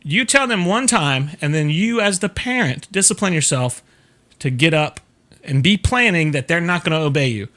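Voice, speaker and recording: A middle-aged man with a bright, forward voice sitting a little high for a man. He hosts an advice show in a relaxed, chatty way, explaining step by step and checking in with his listeners. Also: moderate pace. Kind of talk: casual advice talk.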